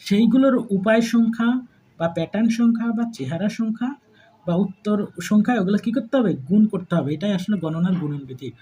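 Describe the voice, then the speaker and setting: A man's voice: high voice, fairly quick, dark tone, slight background noise, rough recording. A man with a Bangladeshi Bengali accent teaching a math lesson to students in a chatty way. He mixes in English terms and keeps asking whether the class follows him. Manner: conversational, mixes English terms, checks understanding with repeated questions.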